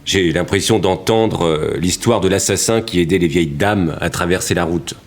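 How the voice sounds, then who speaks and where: An actor playing a sceptical, sardonic prosecutor who speaks formally and dryly in a courtroom audio drama. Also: male voice, low voice, normal speed. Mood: sardonic, doubting.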